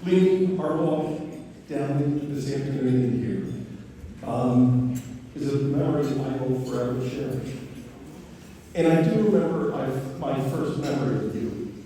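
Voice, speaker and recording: A man's voice: medium pitch, unhurried, long pauses, dark tone. Echoey father of the bride speech, middle-aged man. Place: large reverberant wedding reception room. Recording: echoey noisy hall, distant microphone.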